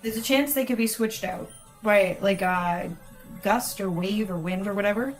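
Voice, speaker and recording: A woman's voice: mid-range voice, moderate pace. A woman casually chatting and teasing while watching a video game being played. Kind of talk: casual gameplay chat. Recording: faint game music behind.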